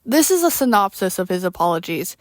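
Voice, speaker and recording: A woman in a casual, unscripted rant to viewers, speaking in a weary, exasperated and halting way. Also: medium pitch, very animated, no room sound. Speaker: online creator addressing viewers.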